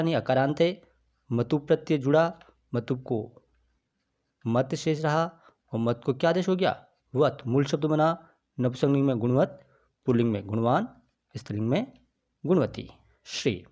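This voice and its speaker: A man's voice: medium pitch, dark tone. A man teaching a grammar lesson, patiently explaining and then answering his own questions.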